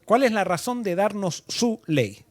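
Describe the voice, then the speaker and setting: A man's voice: sits high, animated, measured pace, no echo. A male pastor leading an interactive Bible study, asking the class questions and repeating their answers.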